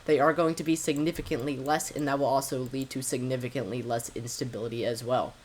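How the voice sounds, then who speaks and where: A man hosting his own weather forecast, talking through model maps with frequent pauses and filler words. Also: mid-range voice, steady tone, slight background noise. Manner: hesitant, frequent "uh" fillers and self-corrections. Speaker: amateur weather forecaster, channel host.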